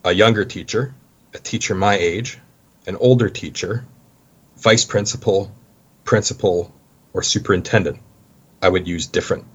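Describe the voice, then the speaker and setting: A man's voice: sits low, normal speed, pauses often, breathy edge. A Canadian man talking casually about life abroad, rambling with many restarts. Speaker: guest. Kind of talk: casual conversation. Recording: dull lo-fi sound.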